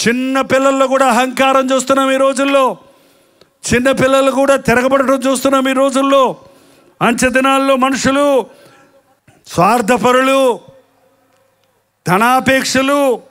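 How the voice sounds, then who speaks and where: High-voiced preaching man. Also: fairly bright tone, clean tone. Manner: rhetorical questions to the congregation, with mocking asides; slow, emphatic listing of sins. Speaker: pastor. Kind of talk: live sermon.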